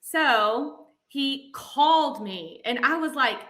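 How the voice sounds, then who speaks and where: A woman's voice: high-pitched, slow, echoey room, rough recording. Bubbly Southern woman telling stories. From Montgomery, Alabama. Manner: animated storytelling with laughs. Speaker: podcast guest. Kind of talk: casual interview chat.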